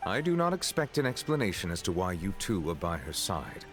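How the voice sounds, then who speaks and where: A reserved chief judge from a video game. His voice is very deep, and he speaks in a stately, formal way, weighing each word. Soft game music plays beneath him. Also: very animated, fairly quick. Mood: grave. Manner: stately, formal, carefully worded.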